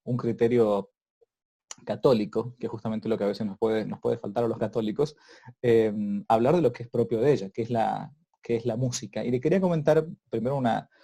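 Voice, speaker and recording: A man's voice: mid-range voice, a little fast, vocal fry, dark tone. A man, a priest hosting a casual interview, talking in with many restarts and fillers. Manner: hesitant, many repeated words and fillers. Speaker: host, priest.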